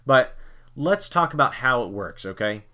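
A man from Kentucky, United States, co-hosts a casual podcast, rambling, joking, and quizzing his cohost with leading questions. His mid-range voice is animated and sharp, at normal speed.

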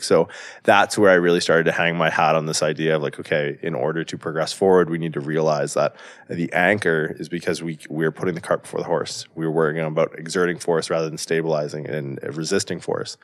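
Deep-voiced man, rambling and casual. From Canada. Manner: rambling, fillers like "like" and "right?", casual swearing. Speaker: guest, strength coach. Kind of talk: casual podcast interview.

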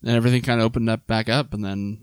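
A man's voice: fairly low pitch, little pitch movement, racing, clean tone, no echo, studio quality. A man co-hosting a podcast in casual chat, explaining things, thinking aloud and correcting himself. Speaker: podcast co-host.

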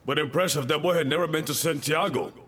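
A man's voice: on the high side, fast, fairly bright tone, a little hiss or hum. A male pastor preaching a sermon, emphatic and repeating his key lines, with joking asides to the congregation.

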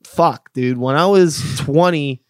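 A Pittsburgh-area man in his late thirties hosts a loose, casual podcast interview, saying "like" constantly and swearing now and then. His voice is slightly high, slow and smooth, with studio-quality sound and no room echo.

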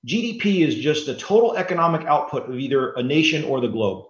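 A man in his forties, a guest author on an interview podcast, explaining in an earnest, steady way. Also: a little high, a little fast. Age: 40s. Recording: roomy, slightly dull sound.

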